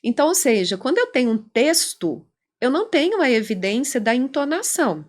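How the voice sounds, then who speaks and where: Brazilian woman, clinical psychologist guest, fairly high voice, animated explainer. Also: fairly quick. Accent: Brazilian Portuguese. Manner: animated, explanatory, acts out quoted dialogue. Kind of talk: conversational podcast interview.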